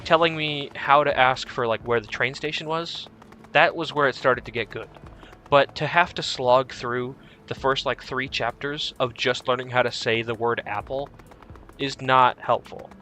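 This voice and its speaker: A man's voice: medium pitch, fairly even intonation, moderate pace, bright, forceful tone, a little hiss or hum. A young man streaming a video game, chatting in a rambling, easygoing way with lots of restarts. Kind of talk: casual chat while streaming a game.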